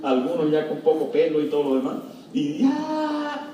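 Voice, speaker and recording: A man's voice: on the high side, big pitch swings, normal speed, mellow, slight background noise. A man preaching a sermon as pastor, calling out to the congregation and acting out frightened shrieks. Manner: preaching with call-outs to the congregation; acts out frightened shrieks in quoted voices. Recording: very echoey hall, mic at a distance.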